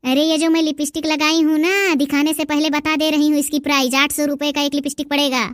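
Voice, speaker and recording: A woman's voice: high voice, flat delivery, brisk, dry recording, natural voice. A woman voicing an impatient young shopkeeper in a cartoon, curt and mocking with her customers. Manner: curt, mocking, standard Hindi speech. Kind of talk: cartoon dub voice acting.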